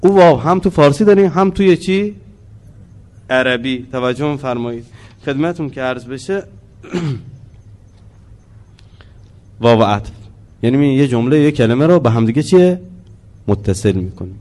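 A man with a mid-range, animated voice and a darkish tone teaches a religious lesson on the Quran. He explains slowly, puts questions to his listeners and chants Arabic verses in a drawn-out way.

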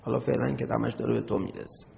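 A man's voice: medium pitch, steady tone, vocal fry. A man preaching a sermon in a conversational way, acting out his listeners' replies and chanting some phrases. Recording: muffled recording in a reverberant hall.

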